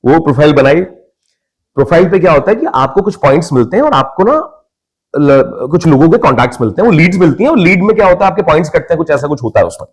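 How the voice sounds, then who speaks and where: A man's voice: on the high side, fast talker, breathy edge. A young Indian man from India, a podcast guest and actor, telling his life story in casual conversation and acting out his family's voices. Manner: lively storyteller who acts out family members' voices.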